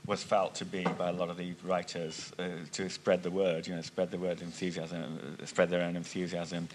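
Hesitant deep-voiced man on a panel. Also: level tone, normal speed, a little hiss or hum. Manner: hesitant, many restarts and fillers, loses thread. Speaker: panelist, music magazine writer. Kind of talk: unscripted panel discussion. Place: conference hall panel.

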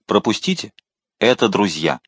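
A man's voice: on the low side, lively intonation, normal speed, breathy edge, no echo, clean studio sound. A man playing a loyal, anxious former servant who speaks in a surprised, fretful way. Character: loyal anxious former male servant, now patrol chief.

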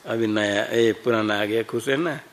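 A man teaching Sanskrit grammar in a class, reciting rules slowly and patiently quizzing his students. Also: on the low side, a crowd in the background, rough recording.

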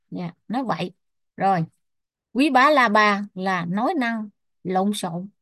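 Người phụ nữ giảng bài chậm rãi, đánh vần từng chữ. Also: female voice, medium pitch, a bit bright, no room sound, studio quality. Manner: spells out Pali terms and glosses them slowly. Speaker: Buddhist Abhidhamma teacher. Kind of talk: slow dictation-style teaching.

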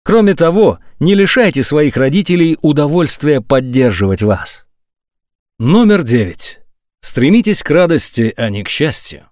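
A man's voice: normal speed, dry recording, studio quality. A man narrating a nonfiction audiobook in a scripted, emphatic reading style. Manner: lively, emphatic reading with wide swings of pitch.

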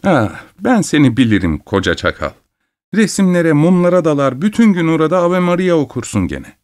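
A man voicing a stern, sharp-tongued farm mother who scolds and gives orders. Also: fairly high pitch, big pitch swings, moderate pace, voice pushed up. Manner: scolding, commanding.

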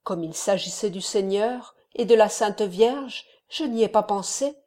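A woman's voice: medium pitch, a little slow, warm tone, close to an everyday voice. A woman reading an earnest young bride. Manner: earnest, pleading. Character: young devout village bride, earnest and anxious.

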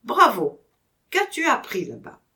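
A woman playing a teasing, witty gentleman master. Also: a little high, huge pitch swings, a little slow, full character voice. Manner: teasing, mock-stern banter. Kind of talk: audiobook character reading.

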